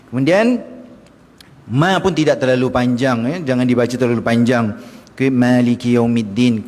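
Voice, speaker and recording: A middle-aged man, a religious teacher giving a mosque lecture on Quranic pronunciation, who slowly chants short verses to demonstrate and then explains them, addressing his listeners directly. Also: medium pitch, a little mellow. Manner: addresses the audience directly and often. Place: mosque hall. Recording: long mosque hall reverb.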